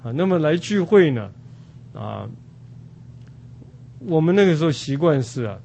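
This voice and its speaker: An older man from Taiwan preaching a sermon at an unhurried pace, with many drawn-out "ah" fillers. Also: a little high, sing-song, gravelly, dark tone, a little hiss or hum.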